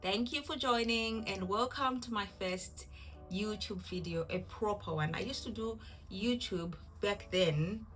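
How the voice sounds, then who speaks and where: In her thirties and speaking with a Zimbabwean accent, this cooking vlogger gives a giggly, self-deprecating introduction to camera. Her voice sits mid-range and sounds a bit bright, her pace is unhurried, and faint music plays behind her.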